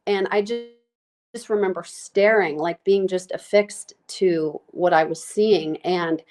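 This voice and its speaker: A woman telling a deeply personal story as a podcast guest. She talks in a heartfelt, halting way with many fillers and is close to tears, her voice breaking. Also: a little mellow. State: tearful, voice breaking. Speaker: nurse practitioner guest.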